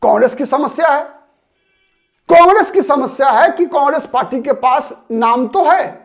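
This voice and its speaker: A man's voice: very high voice, lively intonation, moderate pace, faint music behind. Man giving analytical political commentary. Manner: analytical, poses rhetorical questions and answers them; repeats names and key words for emphasis. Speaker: political commentator and channel host. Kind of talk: solo political commentary to camera.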